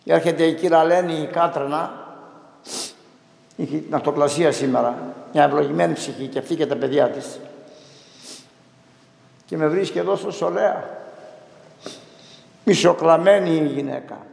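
A middle-aged male priest telling a story in a slow, emphatic sermon style, acting out the dialogue as he goes. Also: on the high side, creaky, a little mellow. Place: church. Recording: echoey church with long reverb.

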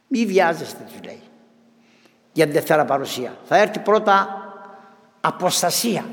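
A man's voice: fairly high pitch, in a large hall. A man, an Orthodox priest, preaching a fervent sermon with rising emphasis in a church.

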